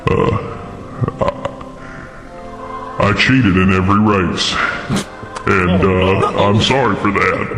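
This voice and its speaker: A man voicing an old male racehorse giving a halting, sheepish farewell message. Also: deep voice, echoey room, big-room sound, music in the background. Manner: halting, hesitant with fillers.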